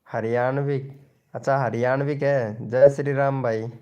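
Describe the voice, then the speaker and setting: A man's voice: mid-range voice, fairly even intonation, unhurried, mellow, clean tone, muffled recording. A young man from Rajasthan hosting a casual live stream, reading viewer comments, teasing them and pleading for likes. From Rajasthan, India.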